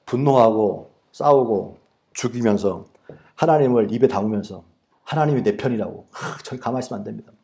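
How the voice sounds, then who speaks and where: A man in his forties, a pastor from Korea, preaching a sermon and telling a personal story in a lively, storytelling way. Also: medium pitch, fairly quick. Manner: animated storytelling, acting out his past anger in prayer.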